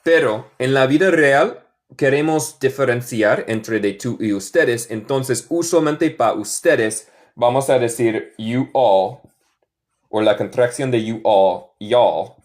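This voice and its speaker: Slow, patient American English teacher. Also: male voice, mid-range voice. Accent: American, speaking Spanish as a learner. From northern United States. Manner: patient, encouraging, switches between Spanish and English, models words slowly. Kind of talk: live-streamed language class.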